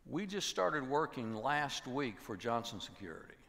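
Older man, pastor, gravelly voice, animated storytelling sermon, long reverb of a big sanctuary. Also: mid-range voice, moderate pace. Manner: animated storytelling, acting out voices in quotes, dropping to a hushed voice. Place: large church sanctuary with choir behind.

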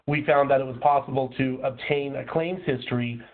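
A man's voice: medium pitch, fairly even intonation, a little fast. A man presenting in a polite, formal way, his voice rusty and under the weather with a cold. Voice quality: rusty, slightly rough voice. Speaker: presenter, program local lead. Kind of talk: prepared webinar presentation. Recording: muffled, narrow phone-like line.

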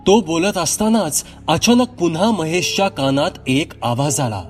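Male horror narrator, unhurried delivery, faint background music. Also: a little high, lively intonation. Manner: slow, measured storytelling. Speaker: storyteller. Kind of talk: scripted horror story narration.

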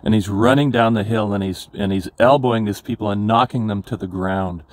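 A man's voice: fairly low pitch, fairly quick, a little mellow, no room sound. An older man from California telling stories from his life in a rambling way, with many fillers and restarts. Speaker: memoir vlogger. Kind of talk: casual personal storytelling.

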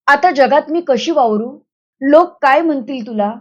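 A frightened young village woman pleads in worried, anxious tones, voiced by a woman reading a novel aloud. The voice is high and close to the reader's own. The recording has a slightly dull, lo-fi sound. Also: lively intonation, measured pace, a little mellow. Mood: distressed.

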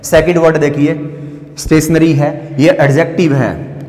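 A male teacher giving an exam-prep vocabulary lesson, explaining each word, spelling it letter by letter and asking students if it is clear. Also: fairly high pitch, steady tone, unhurried, a little mellow. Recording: echoey classroom with long reverb.

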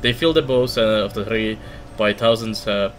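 A middle-aged man doing a let's play, reading game text aloud haltingly with casual commentary. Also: fairly low pitch, a little hiss or hum. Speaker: gaming let's player.

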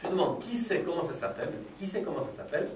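A fast-talking middle-aged man with a voice on the high side and big pitch swings guides a children's philosophy workshop. Through Socratic questioning of the class, he asks probing, playful and teasing questions in a school classroom. The sound is roomy and faraway, with faint noise behind it.

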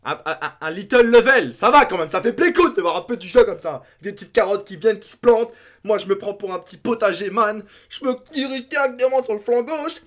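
A young man commentating his own game as a gaming youtuber, thinking aloud and breaking into excited outbursts. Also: sits high, fairly quick. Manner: excitable, talks to himself, sudden outbursts.

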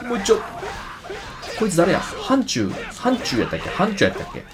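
Brisk and a little high, this streamer's pitch swoops wildly as he gives chatty let's-play commentary. He reacts out loud, talks to himself, and mouths off at enemies over loud game music.

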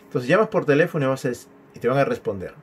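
A man teaching French in Spanish who repeats each phrase slowly and clearly. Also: mid-range voice, animated, slight background noise. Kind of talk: language lesson, slow model phrases.

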